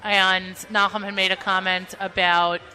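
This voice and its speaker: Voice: medium pitch, flat delivery, a little slow, sharp tone. A parade commentator giving live coverage outdoors, mixing announcements with casual banter. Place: outdoor city parade on an avenue. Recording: music and crowd behind, live street broadcast.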